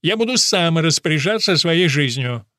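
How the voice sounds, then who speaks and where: A self-assured middle-aged father talks with breezy condescension, as a male reader puts him on. He pitches his voice a little higher and livelier than the narration and stays easy and unhurried. The recording is close and dry. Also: lively intonation, fairly bright tone, dry recording. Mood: smug. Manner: breezy and patronizing.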